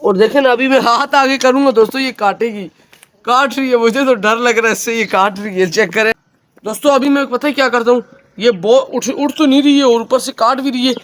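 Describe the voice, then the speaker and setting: A man's voice: very high-pitched, brisk. A man vlogging about his pet hens outdoors on a phone camera, talking casually and chattily to his viewers. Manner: chatty, keeps addressing friends, excitable around the hen. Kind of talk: casual vlog commentary. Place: outdoors with chickens.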